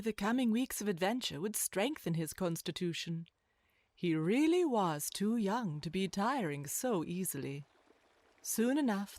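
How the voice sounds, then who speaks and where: A woman with a mid-range voice reads scripted storybook narration, measured and expressive in her storytelling.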